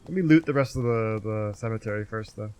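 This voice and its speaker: A man's voice: on the low side, brisk, a little mellow. A man streaming a game live, rambling in casual commentary and talking back at the game and his chat.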